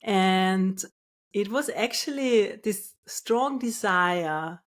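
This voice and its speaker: A woman from Austria hosting her own podcast, speaking in a calm, measured and soft-spoken way as a spiritual business coach. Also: mid-range voice. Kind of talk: scripted solo podcast.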